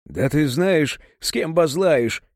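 A man's voice: fairly high pitch, lively intonation, slow, a little mellow, dry recording, studio quality. A man voicing a shaggy-haired, crude male henchman who speaks in a sneering way.

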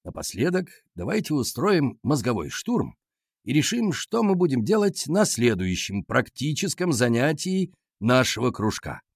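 A man voicing a stern, flustered older male teacher in a children's audiobook, low and gruff. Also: sing-song, measured pace, no room sound, clean studio sound, full character voice. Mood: calm. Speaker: school nature club teacher.

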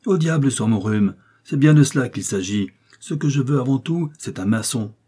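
Man voicing an irate, shouting country doctor. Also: medium pitch, animated, normal speed, husky, pitched above the performer's own voice. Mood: indignant. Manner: indignant shouting. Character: irate middle-aged male country doctor.

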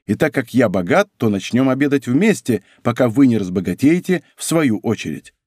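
A man's voice: medium pitch, very animated, normal speed, darkish tone, breathy edge, dry recording, clean studio sound. A man voicing a young male musketeer, dreamy and pious but guarded, in an audiobook reading.

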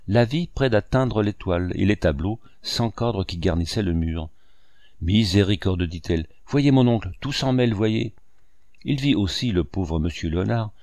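A man narrating a story as an audiobook reader, in a measured literary reading. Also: lowish voice, a little mellow, no echo, studio quality. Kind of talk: scripted narration.

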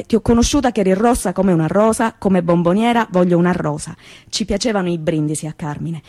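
An actress with a Calabrian accent playing a young woman from Reggio, telling her memories in a lively, colloquial theatrical monologue. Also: medium pitch, no echo, studio quality, lightly acted. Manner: lively storytelling, repetitive and colloquial.

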